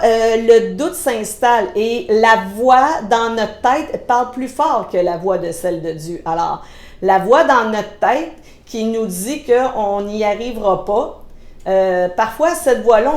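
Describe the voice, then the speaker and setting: A woman with a Québécois French accent giving a devotional message in a conversational way, pausing with frequent hesitations and playful asides. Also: on the high side, a little mellow. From Quebec. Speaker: church speaker giving a midweek devotional. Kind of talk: devotional sermon, reading scripture aloud. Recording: roomy echo.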